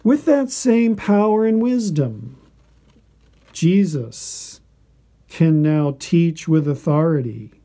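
A man giving a scripted devotional narration in a slow, deliberate and reverent manner. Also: a little high, animated, warm tone.

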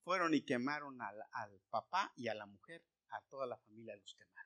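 A man preaching a sermon, retelling a Bible story in a lively way and putting questions to his listeners. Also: mid-range voice, a little fast. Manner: animated, asks the listeners questions.

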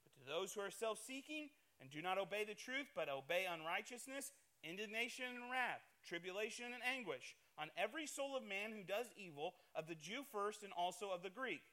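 A man's voice: high-pitched, expressive, a little fast, hardly any pauses, bright, forceful tone. A man preaching a sermon, emphatic and swinging between playful asides and solemn warnings. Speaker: pastor.

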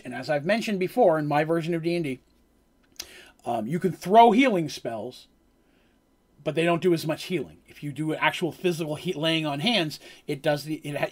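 A man with a fairly high voice recaps a tabletop role-playing battle as the game master. He rambles casually, stopping to correct himself and filling gaps with ums.

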